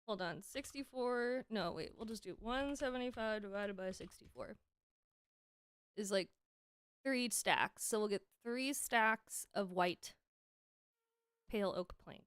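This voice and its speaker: A woman's voice: medium pitch, a little slow, pauses often, clean tone, dry recording. A young woman streaming a game, chatting casually, giggling often and sometimes talking with her mouth full. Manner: chatty, giggly, talks while eating.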